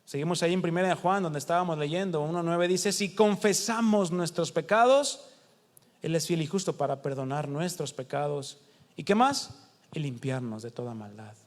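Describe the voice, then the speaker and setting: At normal speed and in a voice high for a man, a Mexican preacher with a Mexican Spanish accent delivers a conversational sermon in a house of prayer. He asks the congregation rhetorical questions and performs the quotes he reads, with the hall's long reverb ringing.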